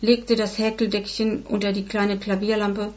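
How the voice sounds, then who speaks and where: Woman narrator, storybook reading, expressive, slightly dull recording. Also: medium pitch, moderate pace.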